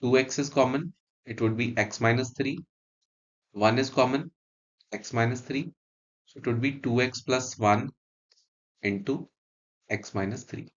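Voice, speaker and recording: A man's voice: medium pitch, a little slow, long pauses, highs cut off. A man with an Indian accent teaching maths step by step, mixing English and Hindi, repeating phrases and checking understanding with short questions.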